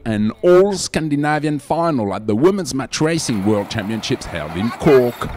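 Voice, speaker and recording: A man's voice: medium pitch, background noise. A man reading a scripted sailing news voice-over.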